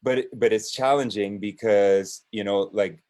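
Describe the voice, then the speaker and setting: A man's voice: fairly low pitch, steady tone, normal speed, a little mellow. A man speaking as a business owner and guest on a panel discussion, hesitant and full of restarts. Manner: hesitant, with many restarts and fillers.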